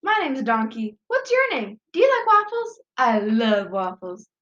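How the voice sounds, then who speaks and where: A chatty storybook donkey, put on by a woman reader, pitched high with lively leaps. It is eager and childlike, bubbling with friendly questions. The sound is a little muffled and lo-fi. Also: measured pace, full character voice. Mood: eager chatter. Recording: muffled, dull lo-fi home recording.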